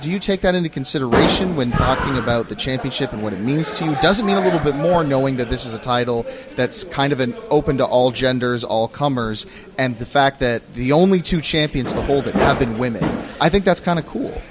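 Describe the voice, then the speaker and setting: A man's voice: medium pitch, a little fast, heavy background noise. A man interviewing a wrestler, asking friendly, rambling questions with fillers. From Canada.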